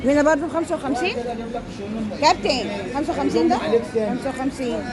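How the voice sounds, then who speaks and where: A high-voiced Egyptian woman gives a casual shopping tour amid a loud market crowd. She talks quickly, quizzing vendors on prices as in market haggling and repeating the answers to viewers. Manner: asks vendors prices, haggling-style chat in an Arabic market. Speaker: shopping vlogger. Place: crowded outdoor street market.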